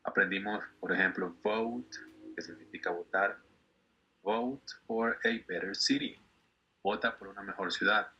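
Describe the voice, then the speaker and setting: A man from Ecuador, teaching an online class and patiently repeating words slowly for his students. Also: on the low side, animated, gravelly, slightly rough, lo-fi sound. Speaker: English teacher.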